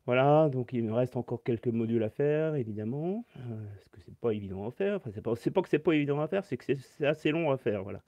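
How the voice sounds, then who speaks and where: A man's voice: medium pitch, animated, fast talker, few pauses, mellow, no echo, lo-fi sound. Male music teacher doing a casual live Q&A from his phone, mid-range voice, step-by-step explanations, dry room. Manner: chatty, explains step by step, reads chat comments aloud. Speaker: saxophone teacher. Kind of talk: live-stream Q&A.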